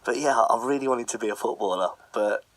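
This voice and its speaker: A man's voice: mid-range voice, quick pace, no echo. A man with an East Midlands accent from Leicester, chatting casually and informally as a radio presenter, with a self-deprecating manner. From Leicester, England. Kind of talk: casual talk show chat. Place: live radio studio.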